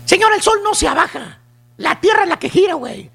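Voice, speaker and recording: A man's voice: extremely high pitch, very animated, fast talker, gravelly, sharp tone. A man with a Mexican accent doing a mocking comic monologue on a morning radio show, throwing "güey" into nearly every line. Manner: mocking, teasing, peppers lines with "güey". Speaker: comedy segment performer on a morning radio show.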